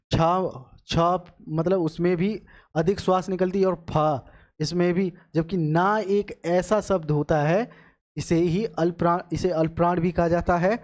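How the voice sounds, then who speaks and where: A man teaching an exam-prep grammar class in a slightly high voice. He explains patiently step by step, often repeating the right answer. He asks questions aloud and then answers them himself. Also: darkish tone.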